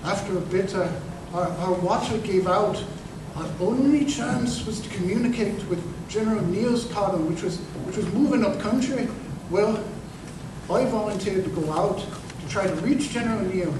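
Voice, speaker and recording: The man's voice is high as he performs the embittered ex-corporal in an old-time radio play, presented live in a museum. Recollecting his betrayal with wistful bitterness, he falters, repeats himself and hits words hard. The sound is echoey and noisy, recorded from a distance.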